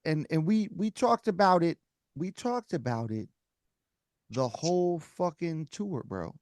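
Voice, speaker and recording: Guy cohosting, loud and casual, bit high voice, dry sound. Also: animated, measured pace, dry recording. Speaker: podcast co-host. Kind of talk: casual podcast chat.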